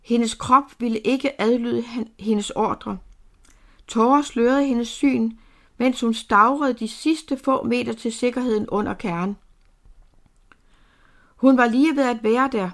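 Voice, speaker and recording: Woman narrating a dramatic novel. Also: fairly high pitch. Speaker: audiobook narrator.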